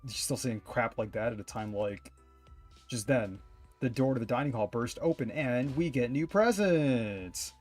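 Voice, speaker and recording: A man's voice: medium pitch, unhurried, a little mellow. Wry casual young man streaming a game. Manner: casual, wry, swears in asides. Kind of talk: reading game dialogue aloud and commenting. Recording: faint game music behind.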